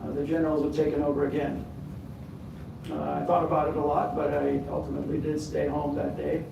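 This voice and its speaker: A man in his 50s, born in the US and raised in California with family from Sudan, tells his personal story on a conference panel in a hall. His voice is on the high side, expressive, fairly quick and creaky, full of self-deprecating asides, fillers and restarts. The recording is echoey, with the mic far off and background noise.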